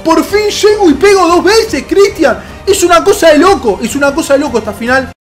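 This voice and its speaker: A man with a Rioplatense Spanish accent commentating his own football video game match live, excitable, swearing and yelling at his players. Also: extremely high pitch, fairly quick, soft background music.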